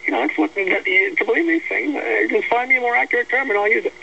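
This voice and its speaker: With a very high-pitched, bright, creaky voice, this American guest commentator talks fast, animated and forcefully about an article he wrote. The talk radio discussion is opinionated and political, and he's blunt, emphatic and argumentative. Dull lo-fi radio audio carries a faint hum.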